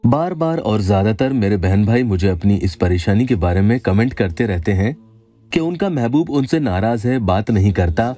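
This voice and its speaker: A man giving scripted voice-over narration of religious instruction, calm and measured, reciting Arabic verses slowly. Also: lowish voice, soft background music. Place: voice-over studio.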